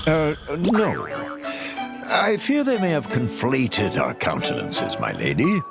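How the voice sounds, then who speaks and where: A man's voice: mid-range voice, huge pitch swings, slow pace, gravelly, exaggerated voice. A man voicing a stuffy, formal male servant who speaks in a dry, wry way, in a played clip. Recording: clip with loud music behind.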